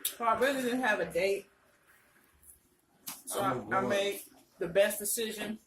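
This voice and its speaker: A woman's voice: medium pitch, measured pace. A woman chats casually and frankly between bites of crunchy fried chicken, in a colloquial mukbang style. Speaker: vlogger. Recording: roomy, distant mic, faint noise, clicks.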